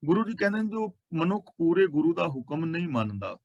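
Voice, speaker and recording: A man gives a Sikh sermon, working through scripture one word at a time. His voice sits a little high, and he stops to correct how words should be pronounced. The recording is close and dry, with no room echo. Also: sing-song, fairly quick, muffled recording. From Punjab. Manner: explains verses line by line, correcting pronunciation. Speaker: Sikh preacher. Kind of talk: scripture exposition.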